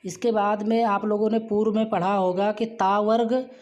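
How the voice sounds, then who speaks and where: A shorthand teacher giving a patient spoken lesson, with frequent "uh" fillers. The teacher slows down to spell example words out syllable by syllable. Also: mid-range voice, little pitch movement, a little mellow, dull audio. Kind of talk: spoken classroom-style lesson.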